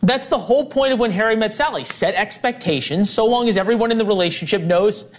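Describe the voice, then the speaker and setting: A man's voice: sits high, fast talker. A male news show host who presents in a wry, playful way and argues his point with his sister. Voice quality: lively and wry, playfully argumentative.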